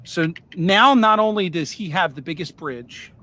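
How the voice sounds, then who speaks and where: A man hosting a casual livestream about model railroading, talking in a relaxed, rambling way with plenty of fillers while he paints. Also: high-pitched, measured pace. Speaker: model railroad hobbyist host.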